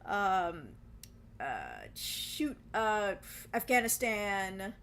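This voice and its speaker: A woman's voice: mid-range voice, wildly swooping pitch, drawn-out words, fairly bright tone, slight background noise. A woman hosting an interview, chatting casually, laughing easily and retelling exchanges. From United States. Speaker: interview host.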